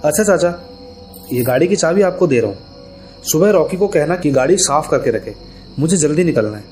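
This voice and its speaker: Man voicing a hurried, irritable young office worker. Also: a little high, animated, darkish tone, faint music behind, voice pushed up, natural voice. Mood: brisk.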